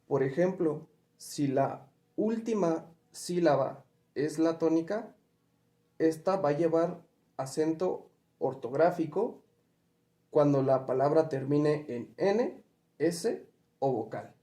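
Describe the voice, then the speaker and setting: Taking it slowly with lively intonation, a man with a fairly high, mellow voice explains spelling rules step by step. He poses questions and works through examples patiently, in a room with noticeable echo.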